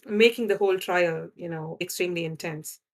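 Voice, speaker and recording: A woman from India, a guest scientist working in drug development, explains her research in a conversational interview, frequently checking in with "right?". She has an Indian accent and a fairly low voice, and talks a little fast.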